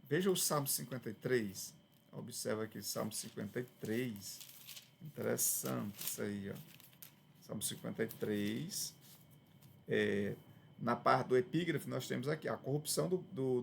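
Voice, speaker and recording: Brazilian male Bible teacher, heavy fry, breathy edge, chatty and informal. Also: mid-range voice. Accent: Brazilian Portuguese. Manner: conversational, frequent "né?" tags and restarts. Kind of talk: Bible study lesson.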